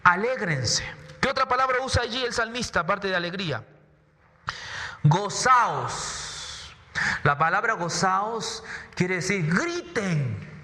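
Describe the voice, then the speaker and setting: A man's voice: sits high, expressive, normal speed, pushed and bright, long reverb tail, slight background noise. A man preaching a sermon in church, emphatic, often repeating words and asking rhetorical questions. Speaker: pastor. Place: church hall.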